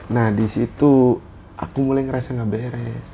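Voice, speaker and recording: A man's voice: mid-range voice, level tone, a little slow, vocal fry, dark tone, a little hiss or hum. A man from Indonesia telling a story in a casual chat, in short bursts of phrases. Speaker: guest storyteller.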